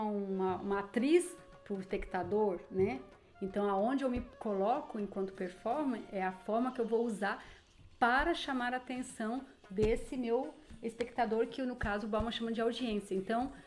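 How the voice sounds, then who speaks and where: A woman's voice: on the high side, darkish tone. Woman explaining with rhetorical questions. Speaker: seminar presenter. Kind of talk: academic explanation.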